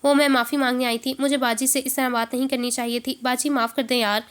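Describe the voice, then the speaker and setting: A woman's voice: high-pitched, flat delivery, close to an everyday voice. Woman voicing a sulky, hot-tempered young woman. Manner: complaining, pouting. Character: headstrong young woman, sulky and quick to anger.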